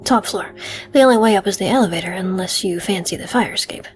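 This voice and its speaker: Stubborn, irritable beat cop acted by a woman, blunt video game dialogue at a middle pitch over faint music. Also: fast talker, natural voice. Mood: irritated. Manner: blunt, stonewalling, colloquial.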